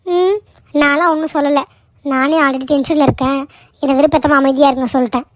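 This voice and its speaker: A woman voicing a sharp-tongued, scolding middle-aged mother in a cartoon. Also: high voice, steady tone, fairly quick, no echo, close to an everyday voice. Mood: sarcastic. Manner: nagging, sarcastic. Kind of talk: cartoon voice acting.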